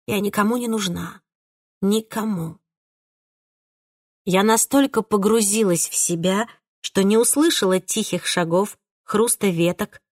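A woman narrating a first-person audiobook with an emotional, expressive delivery. Her pitch sits in the middle range. The recording is dry and close, with no room echo.

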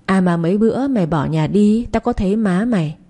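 Lady voicing a poor cynical schoolboy, blunt and scornful, warm mellow sound. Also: mid-range voice, animated, a little fast, soft background music. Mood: plain.

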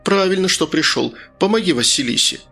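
A man voicing a tall, commanding middle-aged woman who gives brisk orders. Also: on the low side, lively intonation, a bit bright, soft background music, pitched above the performer's own voice. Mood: bossy. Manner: brisk, bossy, dismissive.

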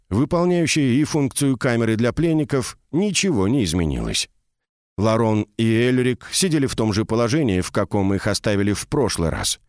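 A man narrating a fantasy audiobook in a steady storytelling read. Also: lowish voice, no room sound, studio quality.

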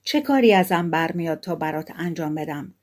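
Woman reading wild iron forest man, calm and helpful, fairy tale audiobook. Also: deep voice. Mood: obliging.

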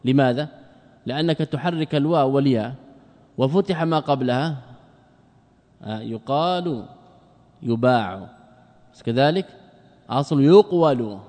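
A man's voice: mid-range voice, measured pace, pauses often, mellow, big-room sound. A man teaching a classical Arabic grammar lesson, who keeps asking rhetorical questions, answers them himself, and repeats and draws out the example words.

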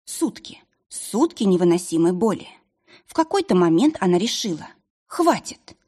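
A woman reading a fantasy audiobook in a measured, expressive storytelling manner. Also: fairly low pitch, husky. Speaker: audiobook narrator. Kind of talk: scripted audiobook narration.

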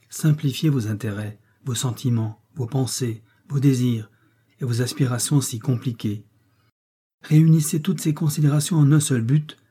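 A man's voice: mid-range voice, mellow, breathy edge, lightly acted. A man reading the part of a stern young male missionary, speaking in a brief, commanding and insistent way.

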